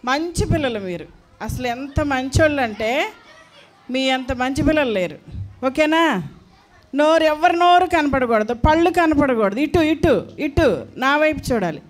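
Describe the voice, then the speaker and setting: A woman's voice: high-pitched, expressive, unhurried. A woman leads a class of small children. She is firm and coaxing, and she repeats her orders to keep the room in line. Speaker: Sunday school teacher. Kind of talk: teaching young children.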